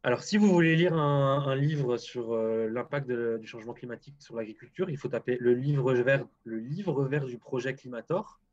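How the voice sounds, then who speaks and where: A man's voice: mid-range voice, normal speed, hardly any pauses, a little mellow, highs cut off. A man with a French accent, guest agroclimatologist on a live stream, talking bluntly and often restarting sentences. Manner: blunt, self-deprecating, lots of restarts.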